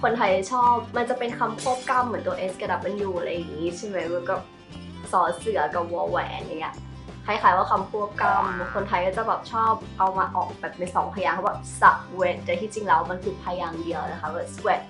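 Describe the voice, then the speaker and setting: A woman's voice: on the low side, brisk. A woman from Thailand co-hosting a pronunciation lesson in a chatty, explanatory way, restarting her sentences as she goes. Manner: chatty, with frequent polite particles and restarts. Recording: roomy echo with loud background music.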